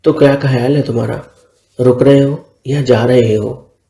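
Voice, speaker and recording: A man's voice: mid-range voice, steady tone, unhurried, creaky, dark tone. A man voicing an emotional young woman, an elder sister about to marry, talking in a hurt, pleading and scolding way. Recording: roomy echo.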